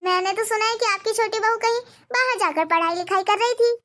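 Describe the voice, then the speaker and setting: A woman's voice: very high-pitched, brisk, sharp tone. A woman voicing a gossipy, meddling middle-aged neighbor in a cartoon, with a chatty, prying, complaining way of talking. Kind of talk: cartoon dubbing.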